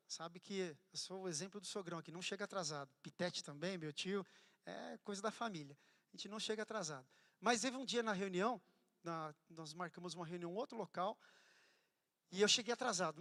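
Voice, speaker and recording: Guy preaching, kinda high voice, goes loud then real quiet, big echoey church. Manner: animated storytelling, swings from loud to hushed. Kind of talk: sermon. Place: church hall. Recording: church hall with long reverb.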